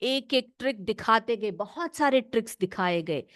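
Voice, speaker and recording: A woman teacher reads an English text slowly, word by word, and explains each phrase to the children. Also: on the high side, lively intonation, fairly bright tone, dry recording, studio quality. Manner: asks questions back to the children. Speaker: school teacher. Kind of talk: bilingual classroom reading lesson.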